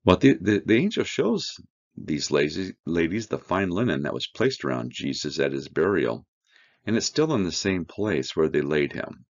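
Very deep gravelly-voiced male Bible teacher. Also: very animated, lo-fi sound. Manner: reads scripture then explains it, slow earnest emphasis. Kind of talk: verse-by-verse Bible study.

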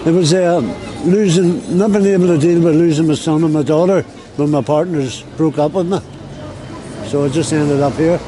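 A Belfast man talks plainly to an interviewer while seated outdoors on a bustling city street, his Northern Irish accent clear and his words often repeated. He speaks at a moderate pace in a slightly high, steady voice against a noisy background.

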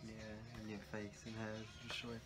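A man's voice: lowish voice, monotone, brisk, low-quality recording. A man in casual chat, teasing his travel companion on camera in a cruise ship cabin. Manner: dry, teasing. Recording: music playing over the voice.

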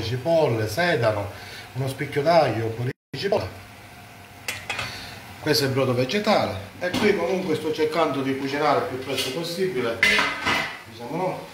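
A man in his forties talks through a recipe in a very echoey kitchen, a little away from the mic. He speaks haltingly and casually, repeating himself, with clear sizzling noise behind him. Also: medium pitch, distant mic. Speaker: home cook presenting a recipe. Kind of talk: casual cooking demonstration. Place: home kitchen, indoors. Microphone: phone held by someone a few steps away.

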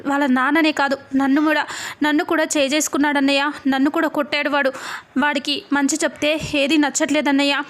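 An angry mother pleading with her brother in a retold drama, read out by a woman narrator. She accuses and pleads in a high, level voice. It is told quickly, with little rise or fall. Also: little pitch movement, a bit bright.

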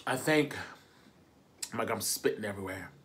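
Bright-voiced American man, mouth burning from spicy food. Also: on the low side, expressive, moderate pace, slight background noise. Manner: exasperated, dramatic, repeating phrases. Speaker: mukbang vlogger. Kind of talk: casual spicy food challenge vlog talk to camera. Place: small room indoors at home.

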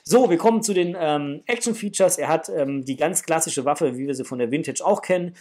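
Fairly quick and a little high, with a darkish tone, this man's voice carries casual enthusiasm as he presents an unboxing. He's a toy unboxing vlogger in his forties, talking to viewers like friends from a small indoor room with framed posters.

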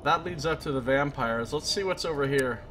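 This streamer's voice sits on the high side with a fairly bright tone and a moderate pace. Playing through a game, he reads its text aloud theatrically, like a storybook, and reacts casually, over faint background noise.

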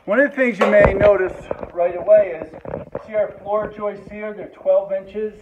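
High-voiced man on a tinny phone. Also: steady tone. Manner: plain explanatory, halting with fillers. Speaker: home builder. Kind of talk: DIY walkthrough narration. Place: unfinished house under construction, indoors. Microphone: phone camera at arm's length. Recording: tinny phone audio with noise.

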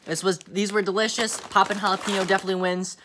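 A young man talks into his camera from a home basement, his voice bright and forward. He chats in a loose, slangy way, chewing snacks between words, with a faint hiss of background noise. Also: high voice, flat delivery, fast. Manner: laid-back slangy chatter, chewing while talking. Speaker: vlogger. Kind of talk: casual snack taste test vlog.

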